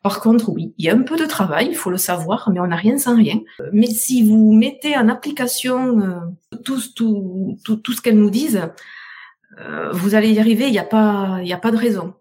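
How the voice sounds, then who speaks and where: A woman's voice: medium pitch, darkish tone. A middle-aged woman with a southern French accent, a guest on a live podcast interview who stumbles over and repeats her words as she talks earnestly. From southern France. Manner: halting, repeats words, heartfelt. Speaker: guest, business owner.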